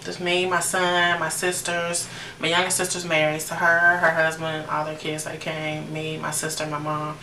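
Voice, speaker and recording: An American woman in her late thirties, a beauty vlogger, chats informally with viewers during a casual makeup tutorial. Her low voice is monotone and sharp at a moderate pace. The recording is roomy and distant, with noticeable background noise.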